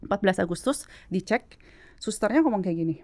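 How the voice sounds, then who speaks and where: A woman's voice: mid-range voice, lively intonation, brisk, darkish tone. A woman in her late twenties, a guest telling her story in a casual, chatty way and slipping English words into her speech. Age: late 20s.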